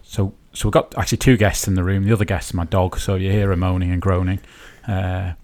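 A man's voice: low voice, flat delivery, fast talker, darkish tone. A man with a Manx accent hosting a casual interview podcast, with informal, rambling phrasing. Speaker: podcast host.

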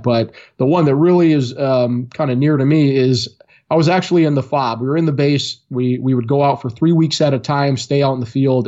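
Animated man spinning a war story. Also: highs cut off. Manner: animated storyteller, acts out quotes with raised pitch. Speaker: guest, former Marine. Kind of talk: casual storytelling.

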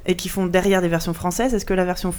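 A woman co-hosting a podcast, chatting playfully and quickly and asking questions. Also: fairly low pitch, steady tone, a little mellow. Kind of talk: casual podcast chat.

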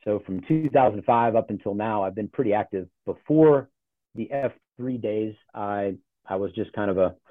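A podcast guest in his forties, a nonprofit CEO born in Ohio and raised in Charlotte, chats in a relaxed, rambling interview full of fillers. His voice is on the low side at a moderate pace, heard dry over a tinny, phone-like line.

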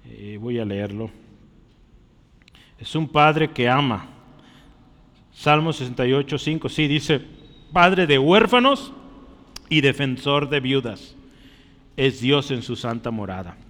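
A man preaches in a church, teaching and often putting short questions to the congregation. His mid-range voice is animated and a bit bright, moving at a slow pace with long pauses. The recording carries a long church reverb.

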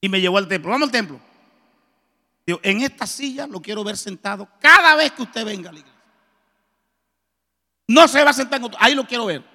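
A middle-aged man preaching a testimony sermon, telling his story in a lively way and acting out the dialogue. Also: very high voice, a little fast, long pauses. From Colombia. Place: church. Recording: reverberant church hall.

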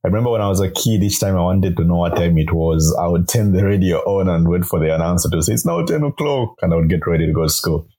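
A man's voice: sits low, quick pace, few pauses, dark tone, husky. A young man from Zambia, a grad student and radio producer, speaking as a guest in a podcast interview in an earnest, upbeat way, explaining at length. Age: young adult.

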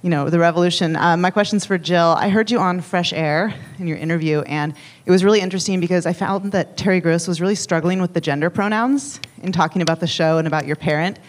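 An audience member asks a long, rambling question at a quick clip, hesitating and adding fillers along the way. The pitch sits in the middle.

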